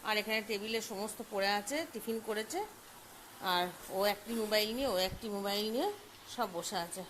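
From her kitchen and dining room, a middle-aged woman hosts a casual home vlog, chatting away and asking viewers questions as though they were friends. She speaks at medium pitch and a moderate pace, her tone a bit bright, with slight background noise.

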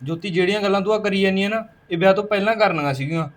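A man's voice: sits high, natural voice. A young man playing an exasperated husband who scolds and argues with his new wife. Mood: scolding. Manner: arguing, scolding, rapid. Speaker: actor in a short film.

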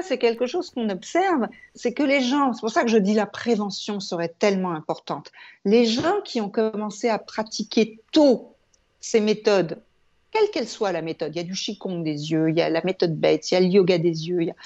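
Here the same kind of guest, a woman in her sixties who teaches eye yoga and has written books, talks in an animated, fairly quick mid-range voice with a slightly mellow tone. She explains conversationally and emphatically, repeating words, while sitting indoors in a home room with shelves. Her wired earphones on the video call yield dull, lo-fi audio.

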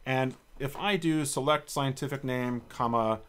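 A man's voice: medium pitch, measured pace, clean tone. Man teaching code while typing. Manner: relaxed, thinking aloud with many ums while typing code. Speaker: programming instructor. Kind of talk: screencast coding tutorial.

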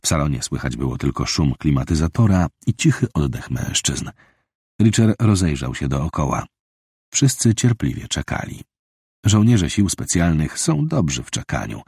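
A man reads a thriller audiobook with a deep, slightly husky voice. His delivery is steady and measured, and the studio recording sounds dry and close. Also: dry recording. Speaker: audiobook narrator. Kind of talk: scripted thriller narration.

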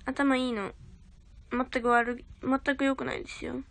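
Young woman on a phone livestream, high voice with some fry, just chatting and thanking ppl. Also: level tone, moderate pace, fairly bright tone, dry recording. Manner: chatty, thanks viewers for gifts, talks of herself as a big sister. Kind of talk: casual livestream chat with viewers. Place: at her grandmother's house.

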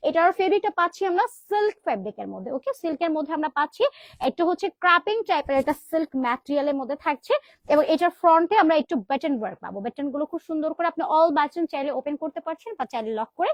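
Fast-talking Bangladeshi woman selling clothes. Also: high voice, animated, no echo. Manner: chatty, mixes in English words, calls viewers "sister". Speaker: clothing seller on a live stream. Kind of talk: live sales presentation.

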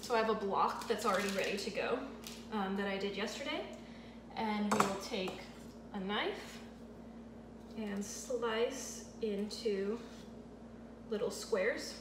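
A young woman, a sous chef, explaining a cooking demonstration step by step in a relaxed way, with frequent ums. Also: medium pitch, slow, long pauses. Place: home-style kitchen, indoors. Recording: echoey kitchen with audible background noise.

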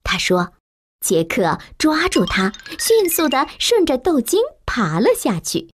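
A woman narrating a children's storybook slowly and expressively. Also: sits high, a little hiss or hum. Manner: slow, expressive, lively storytelling.

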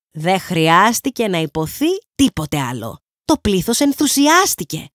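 A woman from Greece reading a children's audiobook in lively, expressive scripted narration. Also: medium pitch, no room sound. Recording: dry close studio sound.

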